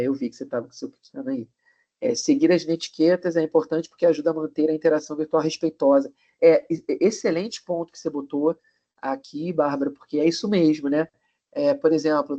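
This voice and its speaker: A man with a Brazilian Portuguese accent giving a live online college class, relaxed, with many tag questions and restarts. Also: on the high side. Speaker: college lecturer. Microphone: video call. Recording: muffled lo-fi video call audio.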